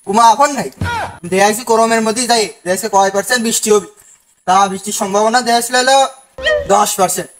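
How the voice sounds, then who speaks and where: A man's voice: high voice, steady tone, fast, fairly bright tone, soft background music. Whiny mock-offended man in a village skit. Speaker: comedian in village sketch. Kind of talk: scripted village comedy skit.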